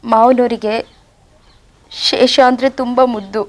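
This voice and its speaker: A woman's voice: fairly high pitch, steady tone, takes it slowly. An actress playing a devoted young wife who earnestly pleads with her husband, in a TV serial. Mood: wistful. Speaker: wife searching for her in-laws. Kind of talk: TV serial acting.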